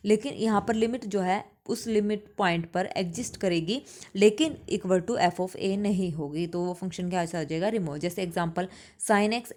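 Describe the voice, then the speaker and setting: A woman giving an exam-prep math lecture. She explains step by step, asks questions and answers them herself, and reads English definitions slowly before restating them in Hindi. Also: mid-range voice, darkish tone. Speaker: math teacher.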